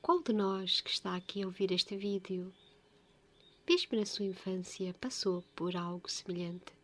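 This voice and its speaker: A woman giving a gentle spiritual reflection, speaking haltingly and often dropping into a whisper. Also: mid-range voice. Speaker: religious video presenter.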